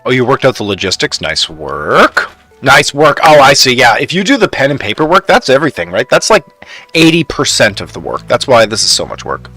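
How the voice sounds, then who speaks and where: A man's voice: mid-range voice, sing-song, quick pace, pushed and bright, faint music behind. A young man from Canada streaming a factory game, chatting casually with his viewers and laughing often. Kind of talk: casual live stream chat.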